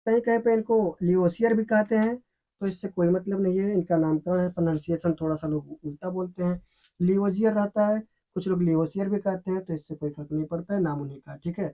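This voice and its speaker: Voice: mid-range voice, steady tone, brisk. A teacher giving an explanatory science lesson who asks questions, answers them, and repeats the key terms. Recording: dull, lo-fi recording.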